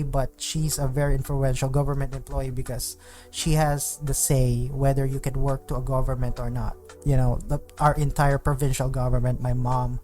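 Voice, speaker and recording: A man's voice: medium pitch, darkish tone. A young man from the Philippines with a Filipino accent, whose first language is Tagalog, hosting his podcast in an unscripted, rambling way with many fillers and restarts. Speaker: podcast host. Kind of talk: unscripted casual monologue.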